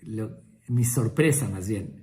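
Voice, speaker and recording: A man voicing an awed, hesitant wealthy male traveler, halting as he searches for words. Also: fairly low pitch, lively intonation, warm tone, a little hiss or hum, pitched below the performer's own voice.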